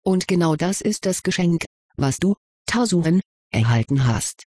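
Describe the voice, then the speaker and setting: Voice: medium pitch, animated, measured pace, warm tone, dry recording, studio quality. A reader voicing an old wise wizard headmaster. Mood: calm. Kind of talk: audiobook dialogue reading.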